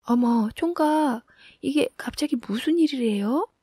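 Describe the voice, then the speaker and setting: A woman's voice: medium pitch, expressive, moderate pace, darkish tone, slightly rough, no room sound, studio quality, voice pushed up. A curious young widow, as a woman narrator puts her on. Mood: startled.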